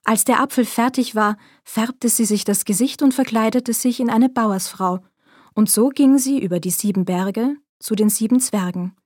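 A woman telling a fairy tale aloud in a measured, expressive storyteller manner. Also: fairly high pitch, dry recording, clean studio sound.

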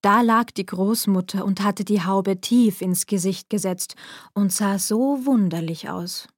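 A woman narrating a fairy tale in a calm, measured storytelling manner. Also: medium pitch, dry recording.

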